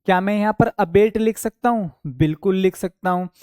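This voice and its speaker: A man teaching English vocabulary in an online exam-prep class, asking questions and answering them himself and drawing out key words slowly for memory. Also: high-pitched, darkish tone, clean tone, dry recording, studio quality.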